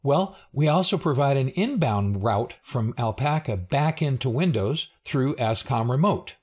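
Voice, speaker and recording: Presenting a technical briefing over slides, a man aged 60 or older explains in plain speech and drops in informal asides. He speaks at a measured pace with lively intonation, his mid-range voice a little mellow and slightly rough.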